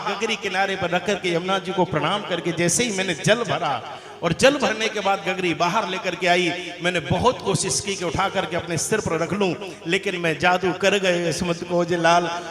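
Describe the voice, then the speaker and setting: A male preacher with a lilt tells a devotional story, emotive and full of exclamations. His voice sits high for a man. It echoes through a large hall while devotional music plays behind him. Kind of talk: devotional katha sermon.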